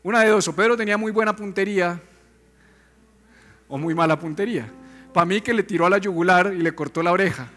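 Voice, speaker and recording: A man preaching a sermon in a high, bright-toned voice. His delivery is animated and chatty, and he keeps throwing questions at the congregation. Soft music sits faintly behind him. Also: a little fast, long pauses. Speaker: pastor.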